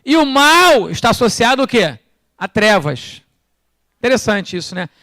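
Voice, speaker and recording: A man preaching a sermon in Brazilian Portuguese in church, firing rhetorical questions at the congregation and swinging between loud bursts and quiet asides. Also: very high voice, very animated, moderate pace, no echo, studio quality. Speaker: pastor.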